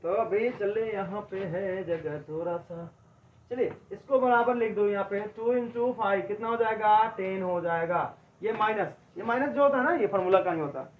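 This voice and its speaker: A man's voice: high voice, moderate pace, a little hiss or hum. A man teaching a math lesson, repeating key phrases and often asking if listeners follow. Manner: repetitive, checks in with listeners often. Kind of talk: classroom-style video lesson. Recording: echoey room, dull lo-fi audio.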